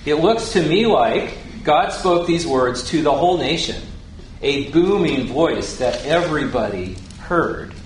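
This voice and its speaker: A man's voice: a little high, animated, unhurried, slight background noise. A man teaching the Bible in a conversational way, putting questions to his listeners and paraphrasing scripture in casual words. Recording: very echoey room, faint ambience.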